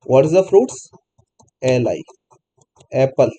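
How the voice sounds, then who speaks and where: A man's voice: medium pitch, animated, takes it slowly, dark tone, rough recording. A man teaching a live online coding class, repeatedly asking students to answer. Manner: prompts students repeatedly, non-native English phrasing. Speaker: programming teacher.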